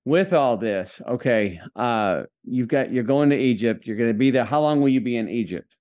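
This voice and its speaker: A man's voice: medium pitch, animated, moderate pace, narrow, tinny audio. A man hosting a faith-based podcast interview, enthusiastic and preacher-like as he encourages his listeners. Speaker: podcast host.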